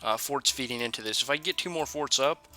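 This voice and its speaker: A young man talks through a strategy game in casual, rambling commentary, often stopping to correct himself. His voice is very bright and sits at a middling pitch. Soft music plays faintly underneath. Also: fairly quick. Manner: rambling, self-correcting, thinks aloud. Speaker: let's play host.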